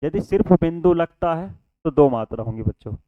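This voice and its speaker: A man with a slightly raised, smooth voice teaches a Hindi lesson step by step. He keeps quizzing his students and answering his own questions. The sound is dry and close but a little dull and lo-fi. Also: fairly high pitch, animated, brisk, no room sound. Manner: explains step by step, often asks the class questions and answers them himself; addresses students as children, repeats "ठीक है". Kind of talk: online exam-prep lesson.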